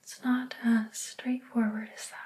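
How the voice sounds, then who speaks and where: A woman whispering slowly and breathily in a soft ASMR whispered role-play as a gentle, helpful librarian. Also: fairly high pitch, flat delivery. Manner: slow, gentle, hushed.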